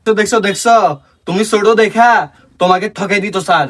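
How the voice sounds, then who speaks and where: Sly, high-pitched, fast-talking Bangladeshi meddler acted by a man. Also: fairly even intonation, a bit bright. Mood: sly goading. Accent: Bangladeshi regional Bengali. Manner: goading, repeats himself. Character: sly meddling older man stirring up a quarrel. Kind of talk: comedy skit acting.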